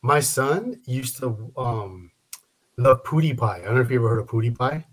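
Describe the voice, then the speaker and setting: Laid-back man with a lively voice. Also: medium pitch, moderate pace. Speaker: podcast co-host. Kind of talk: casual chat.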